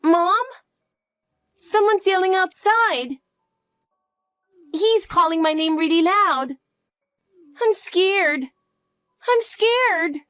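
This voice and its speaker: A woman voicing an anxious, clingy elementary-school girl in an audio drama, asking high, pleading questions. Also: very slow, long pauses, a bit bright, no room sound, clean studio sound, faint music behind, heavily acted. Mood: scared.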